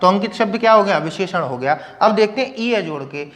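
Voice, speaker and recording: A man's voice: high-pitched, lively intonation, a little fast, a bit bright, in a large hall. A man teaching a grammar lesson, asking his class questions and answering them himself, with "okay" after nearly every line. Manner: asks questions and answers them himself, repeats "ठीक है" constantly. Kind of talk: classroom lecture.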